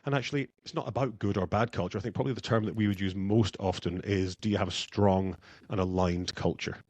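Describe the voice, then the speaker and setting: Low-voiced man, dry close sound. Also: steady tone, fast talker, darkish tone, no echo. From Scotland. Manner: reflective, repeats words as he thinks. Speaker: guest, culture consultant. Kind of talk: podcast interview.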